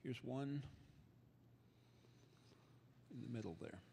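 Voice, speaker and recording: A man moderating a postgame press conference, brisk and procedural as he points out the next questioner. His voice has a gravelly, creaky edge. It sounds set back from the mic, with a long reverb from the hall. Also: medium pitch, dark tone, a little hiss or hum. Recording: distant, reverberant room sound.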